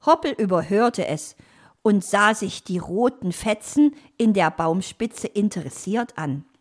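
Slow, animated woman storyteller. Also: mid-range voice. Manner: gentle, animated reading. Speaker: narrator. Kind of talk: storybook narration.

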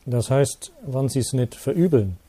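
A man's voice: mid-range voice, lively intonation, measured pace, dark tone, no room sound, pitched above the performer's own voice. A man voicing an old village postman who speaks hesitantly and apologetically. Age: older.

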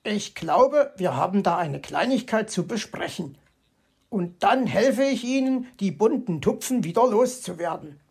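A woman reading a children's audiobook, voicing a grumpy, vain male fox who grumbles and flares up quickly. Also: medium pitch, lively intonation, darkish tone, breathy edge. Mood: smug. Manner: grumbling, easily outraged.

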